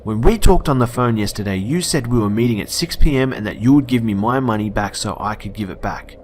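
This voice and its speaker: A man's voice: fairly low pitch, a little fast, darkish tone, slight background noise, lightly acted. A man voicing a panicked young woman who swears and raises her voice at an intruder. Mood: indignant. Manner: frantic, swearing, raising voice.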